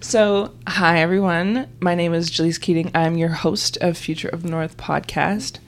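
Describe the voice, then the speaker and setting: Deep-voiced easygoing woman podcast host. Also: fairly even intonation, moderate pace. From Canada. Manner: easygoing, soft backchannels, laughs often. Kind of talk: casual conversation.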